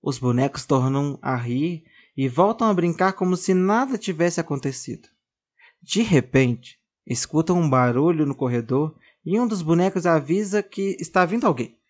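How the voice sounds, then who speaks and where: A narrator reading a children's story aloud in an expressive, measured way. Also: mid-range voice. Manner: leitura expressiva e pausada. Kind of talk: narração de história infantil.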